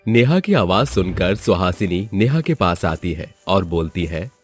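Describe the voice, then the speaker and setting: A man narrating a storybook tale in an expressive, scripted way. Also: low voice, measured pace, soft background music.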